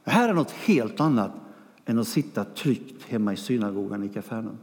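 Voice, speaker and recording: A man's voice: fairly low pitch, lively intonation. Preacher man in a reverberant hall. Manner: storytelling, shifting between loud questions and quiet asides. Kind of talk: sermon.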